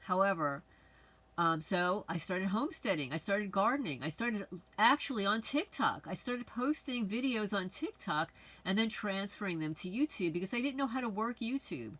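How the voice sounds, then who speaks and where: A woman's voice: medium pitch, animated, moderate pace, fairly bright tone, rough recording. A middle-aged woman from the Bronx, talking to her channel's viewers in a rambling, frank, conversational monologue. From the Bronx, New York. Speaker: channel host. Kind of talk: casual personal monologue.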